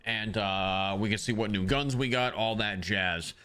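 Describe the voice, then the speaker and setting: This man's voice is fairly low, smooth, pushed and bright, and he takes his time. He has the hiccups as he streams, chatting loosely with viewers into a desk microphone and rambling with frequent ums.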